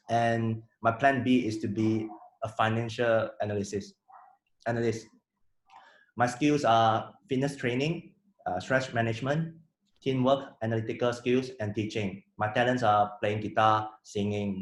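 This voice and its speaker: A young man from Malaysia, speaking, presents a student project in a halting, formal way. His voice sits a little low. The room has a noticeable echo. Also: fairly even intonation. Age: young adult. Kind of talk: class pitch presentation. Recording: roomy echo.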